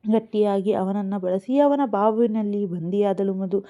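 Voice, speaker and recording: A woman storyteller narrating a romantic serial novel in an earnest, expressive way. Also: mid-range voice, unhurried. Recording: tinny phone-like sound.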